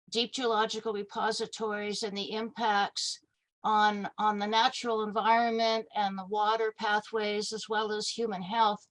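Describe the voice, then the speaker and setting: A woman activist speaking on a call in a measured way with fillers. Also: medium pitch, fairly bright tone, low-quality recording. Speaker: activist guest.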